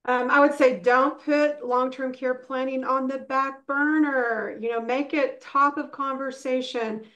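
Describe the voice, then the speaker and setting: Brisk woman specialist on a webinar, fairly high voice, punchy delivery. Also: fairly even intonation, fairly bright tone, highs cut off. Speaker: long-term care specialist. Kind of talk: webinar panel talk.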